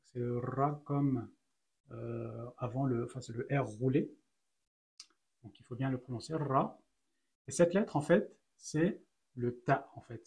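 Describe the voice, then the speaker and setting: A man teaching an Arabic lesson in French, patiently explaining each letter and sound one at a time with frequent fillers. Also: medium pitch. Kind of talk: slow step-by-step lesson.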